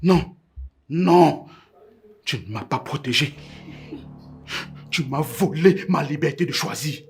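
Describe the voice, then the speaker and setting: A man's voice: a little high, expressive, a little slow, gravelly, soft background music. A man with a Cameroonian French accent playing a hurt, angry young man who feels betrayed, in a web-series drama. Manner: wounded and accusing, bitter.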